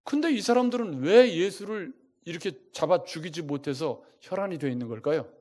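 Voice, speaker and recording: Questioning male pastor, rising pitch. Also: a little fast. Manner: asks the congregation many rhetorical questions; lively, shifting loudness for emphasis. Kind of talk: sermon.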